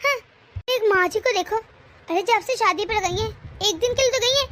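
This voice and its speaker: A lazy, scheming younger daughter-in-law, voiced by a woman in a cartoon family drama. She grumbles and complains in a very high, bright and sharp voice. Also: moderate pace, a little hiss or hum. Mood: grumbling.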